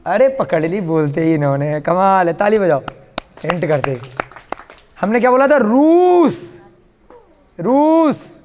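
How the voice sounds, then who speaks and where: High-voiced teacher in a reverberant room. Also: male voice, big pitch swings, moderate pace, a little mellow, some chatter behind, a little hiss or hum. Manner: patient, explains with questions and playful asides. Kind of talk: online language class.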